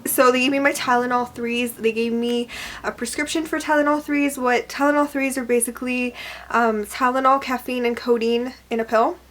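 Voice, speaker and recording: A woman's voice: on the high side, level tone, moderate pace. A young woman tells a personal story in a casual, rambling vlog style, often trailing off as she goes. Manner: rambling, conversational, trailing off with "or whatever". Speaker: vlogger.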